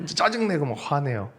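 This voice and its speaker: A male pastor preaching a sermon in a church, animated and often asking the congregation questions. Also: high voice. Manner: animated, asks the congregation questions and seeks their agreement. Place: church sanctuary.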